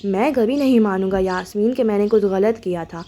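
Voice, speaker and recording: A woman voicing a bitter, defensive wealthy young man in a storybook reading, pitching her voice low and sounding aggrieved. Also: warm tone, slight background noise, close to an everyday voice.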